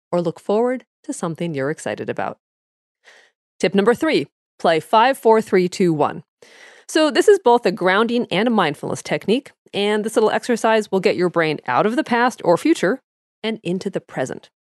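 A woman's voice: mid-range voice, a little mellow, dry recording, clean studio sound. A woman hosting an advice show, reading scripted practical tips in a conversational, explanatory manner. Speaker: podcast host giving psychology advice.

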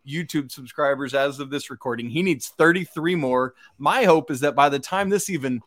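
A man's voice: a little high, moderate pace, fairly bright tone, no echo. A man with a Georgia accent hosting a sports podcast, exclamatory and folksy, addressing listeners like buddies. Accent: Georgia, American South. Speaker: podcast host.

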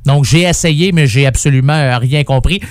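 A man's voice: mid-range voice, normal speed, dry recording, clean studio sound. A man hosting a rock radio show, chatting casually and jokingly, rambling with many fillers. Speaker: morning radio host.

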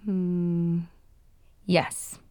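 An actress playing a spirited, quick-tongued young woman in an audio drama. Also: lowish voice, monotone, mellow, no room sound, clean studio sound. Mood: composed. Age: young adult.

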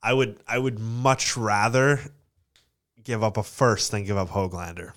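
A man's voice: on the low side, a little slow, a bit bright. A man co-hosting a casual sports podcast, often restarting his sentences and chiming in with short reactions. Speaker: podcast co-host.

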